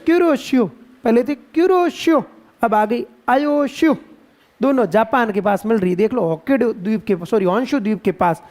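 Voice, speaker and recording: Playful Rajasthani Hindi classroom teacher. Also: male voice, extremely high pitch, a little mellow. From India. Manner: playful, quizzing students with call-and-response and drawn-out repetitions. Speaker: geography teacher. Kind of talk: classroom lecture. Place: classroom with students.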